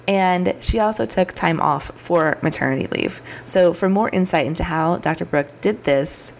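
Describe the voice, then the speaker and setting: In a solo monologue on the podcast she hosts, a woman in her thirties chats in an upbeat way. Her fairly low voice is gravelly, her throat a bit scratchy and froggy.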